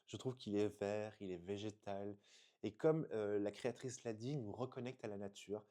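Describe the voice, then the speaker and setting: French guy gushing over perfumes, lots of "euh" and wows, mellow darkish voice. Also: fairly low pitch, fairly even intonation, normal speed. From France. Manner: gushing, exclamatory, frequent hesitations. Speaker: perfume reviewer. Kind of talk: enthusiastic unboxing review.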